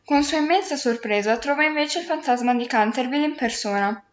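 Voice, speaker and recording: A woman's voice: high voice, fairly quick. Woman reading a storybook in a roomy echo. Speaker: audiobook narrator. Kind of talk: storybook narration. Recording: roomy, dull lo-fi recording.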